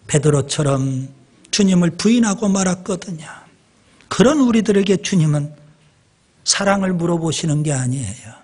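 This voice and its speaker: A male pastor delivers a sermon in a church. His voice sits a little high for a man and carries a husky, slightly breathy grain. He speaks slowly and deliberately, with pauses for emphasis, and turns often to the congregation. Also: darkish tone.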